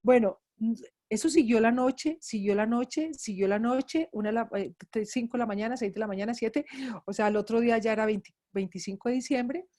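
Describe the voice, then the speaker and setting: A middle-aged Colombian woman with an Antioquian accent tells a class about her own grief. Her voice sits a little high yet sounds mellow and soft-edged. She speaks with feeling and repeats words to drive each moment home. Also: moderate pace. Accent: Antioquian Colombian Spanish. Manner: emotional storytelling, repeats words for emphasis. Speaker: grief psychologist teaching a class. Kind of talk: personal testimony in a lecture.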